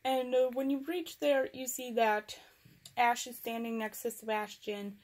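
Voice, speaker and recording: A woman's voice: a little high, steady tone, unhurried. A young woman casually recapping a novel on her vlog, chatty and rambling, with sarcastic asides. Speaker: book reviewer.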